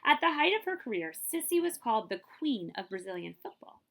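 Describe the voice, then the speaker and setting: A woman reads a children's picture book aloud in an expressive, emphatic way, like a librarian at story time. Her voice is fairly high and her pace brisk.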